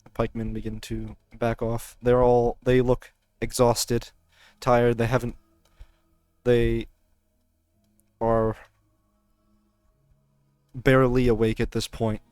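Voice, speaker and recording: Smooth-voiced man narrating a tabletop game. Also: mid-range voice, level tone, takes it slowly, long pauses, a little mellow, dry recording. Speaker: game master.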